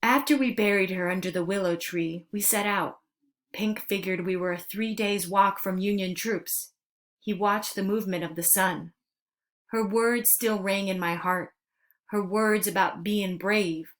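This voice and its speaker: Woman reading a story aloud. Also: medium pitch. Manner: steady, earnest narration. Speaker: narrator.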